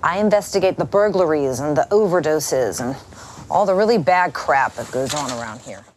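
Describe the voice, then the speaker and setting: A tough Delco detective. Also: female voice, low voice, lively intonation, moderate pace, a little mellow. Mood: weary. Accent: Delaware County, Pennsylvania. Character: tough working-class woman detective sergeant. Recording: film clip with faint noise.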